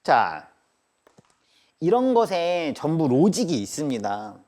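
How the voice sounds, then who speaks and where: Animated male math teacher lecturing. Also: fairly high pitch, slow pace. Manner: animated, checks in constantly with students. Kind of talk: live classroom lecture. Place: classroom.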